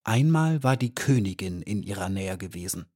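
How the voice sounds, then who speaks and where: A man calmly reading a children's storybook as narrator. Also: sits low, moderate pace. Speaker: audiobook narrator.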